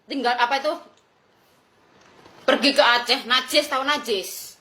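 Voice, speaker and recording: A woman's voice: high-pitched, measured pace, sharp tone, echoey room, slight background noise. A woman from Indonesia in an angry livestream rant, brash and mocking, who swears freely and laughs scornfully.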